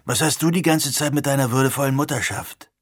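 A man voicing a gruff, irritated young man who growls his words. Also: mid-range voice, fairly quick, no room sound, studio quality, close to an everyday voice.

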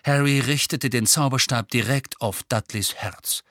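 A man narrating an audiobook with lively, expressive storytelling. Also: medium pitch, unhurried, no room sound, studio quality. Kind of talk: scripted narration.

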